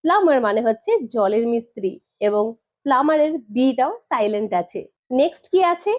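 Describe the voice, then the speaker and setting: A woman teaching English pronunciation in a lesson, asking the viewer questions and repeating each correct word slowly. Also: fairly high pitch, expressive.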